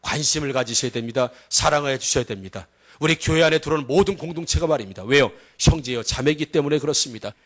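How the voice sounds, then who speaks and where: High-voiced Korean pastor preaching. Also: male voice, quick pace. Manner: swings between loud emphatic lines and low quiet asides; acts out story voices with a raised pitch. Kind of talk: sermon.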